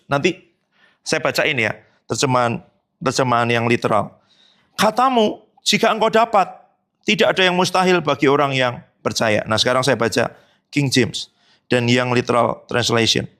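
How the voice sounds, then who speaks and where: A high-voiced male pastor preaching to his church. He talks in a lively way, asks the congregation questions and reads scripture aloud. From Indonesia. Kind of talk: sermon. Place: church hall.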